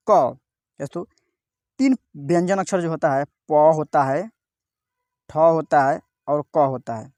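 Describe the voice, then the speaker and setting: A male teacher giving a step-by-step reading lesson, sounding out each syllable slowly and repeatedly asking his viewers "what, friends?". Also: high-pitched, no echo, studio quality.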